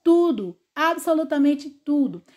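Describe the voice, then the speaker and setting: A woman's voice: sits high, expressive, a little slow, a little mellow. A woman teacher with a Brazilian accent giving an online class, explaining step by step and often checking in with tag questions. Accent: Brazilian Portuguese. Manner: didactic, frequent tag questions.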